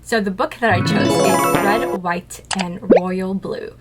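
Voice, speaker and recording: Over loud music, a woman vlogger talks to the camera about the tarantulas she keeps, speaking slowly with a steady tone at a medium pitch. Her casual, scripted patter is chatty and playful, as she asks herself questions and answers them.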